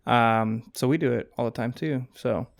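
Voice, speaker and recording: A man's voice: mid-range voice, moderate pace, gravelly. A man co-hosting a podcast in casual chat, talking loosely with fillers about teaching choir. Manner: chatty, lots of fillers and laughs. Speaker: podcast co-host.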